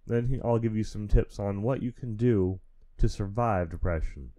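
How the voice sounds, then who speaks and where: A naturally deep-voiced man talks at a moderate pace in a mellow tone, hosting his own podcast as a casual solo chat. Feeling sick and stuffy, he rambles frankly at home into a studio mic run through an audio interface, chuckling often.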